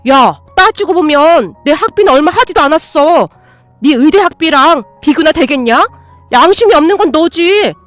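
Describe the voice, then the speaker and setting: A woman reading the part of a grasping grown son in a storybook radio tale, his voice high-pitched and loud as he argues combatively and whines for what he wants. The sound is close and dry with faint music behind. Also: expressive, moderate pace, dry recording. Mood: scornful. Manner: whiny, combative, raises voice. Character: pushy young adult son demanding property.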